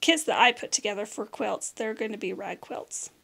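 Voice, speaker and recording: A middle-aged American woman with a hoarse, raspy voice that is giving out into whispery patches, chatting casually and informally as she gives a tour. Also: mid-range voice, moderate pace, a bit bright. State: hoarse, losing her voice. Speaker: vlog host. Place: small room at home, indoors.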